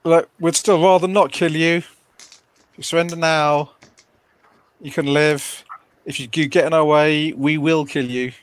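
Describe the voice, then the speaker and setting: Guy doing a fighter making measured threats in a tabletop game, highish voice. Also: fairly even intonation, no room sound, natural voice. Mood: firm threat. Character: threatening male fighter demanding surrender.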